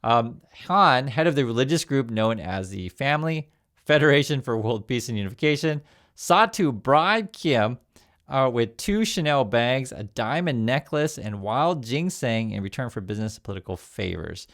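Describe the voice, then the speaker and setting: A man in his fifties, born in Vietnam and raised in the USA, casually comments on the news in a vlog, reading articles aloud and adding his own remarks. His voice is medium-pitched and fairly bright, with lively intonation at normal speed, and he uses many fillers and restarts.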